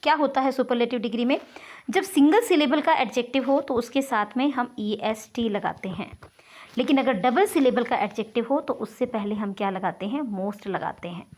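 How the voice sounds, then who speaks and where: A woman's voice: on the high side, moderate pace, darkish tone. A woman teaching an English grammar lesson online, explaining patiently step by step and checking in often with her students.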